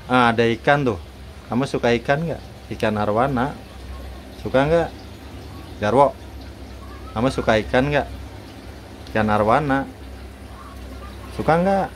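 A man, a bird owner and seller, chats playfully with his pet bird at home, recorded on a handheld phone with a little hiss or hum. His mid-range voice moves at a measured pace with frequent pauses as he coaxes it to repeat words, teases it, and laughs often.

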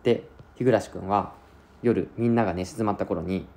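A man's voice: low voice, steady tone, normal speed, mellow. A man recapping an anime plot in a chatty, casual way, acting out lines as he goes. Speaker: anime reviewer.

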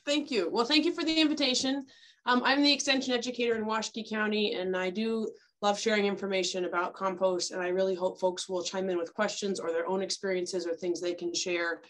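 A woman's voice: medium pitch, fairly even intonation, a little fast, a bit bright. A woman extension educator giving a friendly, step-by-step talk on compost over a video call. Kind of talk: informal webinar presentation.

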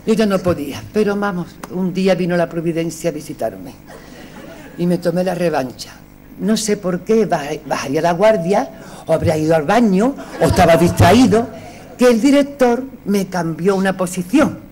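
A woman giving a tribute speech at an awards gala, telling a lively stage anecdote with laughing asides. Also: on the low side, normal speed, a little hiss or hum. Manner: animated storyteller with laughing asides.

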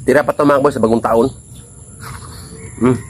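Filipino male vlogger, mouth full and chewing, average pitch, faint rural outdoor noise behind. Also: fairly even intonation, moderate pace. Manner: addresses viewers as "mga kaboy", murmurs appreciatively while eating. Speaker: mukbang vlogger. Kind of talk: casual eating vlog talk. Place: outdoors in a rural spot with birds and crickets.

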